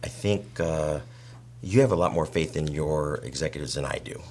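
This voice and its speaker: A man interviewing someone with long, frank statements, speaking deliberately and challenging politely. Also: rumbling low, darkish tone. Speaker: interviewer representing department members. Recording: clear background noise and hum.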